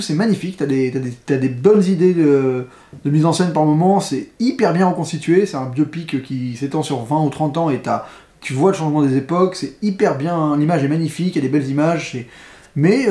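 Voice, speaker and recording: A man's voice: on the high side, dark tone, echoey room. A man giving casual commentary on a box of films, blunt and slangy, full of rambling asides. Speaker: film critic vlogger.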